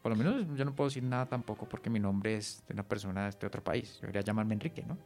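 A man hosting a casual radio chat, jokey and talkative, often trailing off into quiet asides. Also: fairly low pitch, rapid-fire, soft background music. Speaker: radio host.

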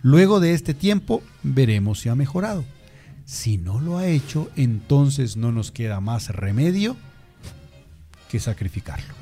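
Guy playing a serious vet, slow careful talk, voice moves around a lot. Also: mid-range voice, big pitch swings, mellow, husky, faint music behind, exaggerated voice. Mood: grave. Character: calm grave male veterinarian, adult.

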